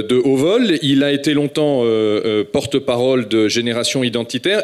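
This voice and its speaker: A man with a French accent moderating a panel, introducing guests with frequent hesitations. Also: medium pitch. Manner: halting, many hesitations.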